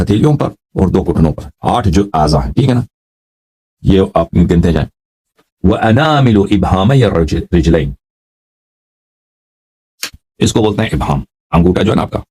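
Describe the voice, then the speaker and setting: Low, husky male scholar, patient lecturing, recites Arabic slowly then explains, keeps asking if you follow. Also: warm tone. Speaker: religious scholar teaching prayer. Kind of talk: explaining an Arabic hadith text line by line in Urdu.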